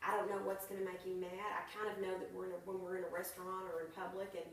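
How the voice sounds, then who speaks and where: A woman's voice: fairly low pitch, little pitch movement, racing. A woman playing a client in a counseling role-play, earnest and frustrated as she recounts her troubles at length. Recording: very echoey room, mic far off, faint hiss.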